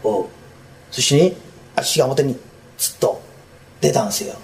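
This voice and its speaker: A man voicing Kuma, a bumbling, smitten Edo townsman who rambles sheepishly in rough street speech, in rakugo storytelling. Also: medium pitch, expressive, normal speed, slight background noise, pitched below the performer's own voice, natural voice.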